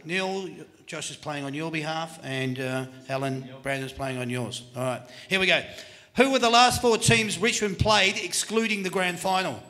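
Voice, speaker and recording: An Australian man hosting a live quiz at a venue, energetic and joking as he hurries contestants along. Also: fairly high pitch, normal speed. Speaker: quiz host on a live footy panel show.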